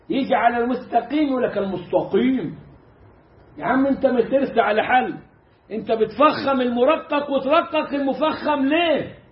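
A man with an Egyptian Arabic accent teaching Quran recitation in a casual, animated way, mimicking mistakes and drawing out the correct sounds. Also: very high voice, roomy sound, muffled recording. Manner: animated, mimics mispronunciations and demonstrates slow recitation. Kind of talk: casual lesson.

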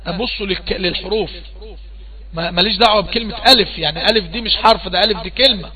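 A man with an Egyptian accent leads a tajweed lesson, his voice high and bright. He questions his students patiently and goes over each point again and again. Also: fast talker, rough recording. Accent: Egyptian Arabic. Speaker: Quran recitation teacher.

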